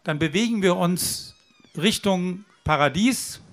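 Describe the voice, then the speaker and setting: Guy with a pretty high voice speaking at a demo, earnest and persuasive, restarts now and then. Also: takes it slowly, fairly bright tone. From southwestern Germany. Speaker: rally speaker. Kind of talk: speech at a demonstration. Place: outdoor rally.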